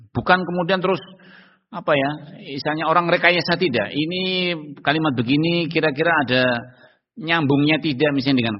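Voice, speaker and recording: A man's voice: mid-range voice, a little hiss or hum. A man giving a religious study lecture as a preacher, often asking his listeners whether they understand and posing rhetorical questions. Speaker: Islamic preacher. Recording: dull sound in long-reverb hall.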